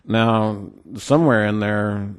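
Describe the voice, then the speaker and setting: Low-voiced man with a West Texas twang. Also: steady tone, slow, smooth. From New Mexico or West Texas, United States. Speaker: congressman questioning witnesses at a hearing. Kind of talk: formal but folksy hearing questioning.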